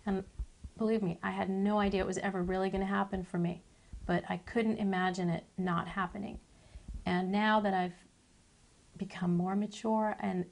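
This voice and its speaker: A woman's voice: medium pitch, vocal fry. A middle-aged woman, a former child actress, chatting in an interview about her past roles with playful, self-deprecating asides. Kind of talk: reminiscing interview.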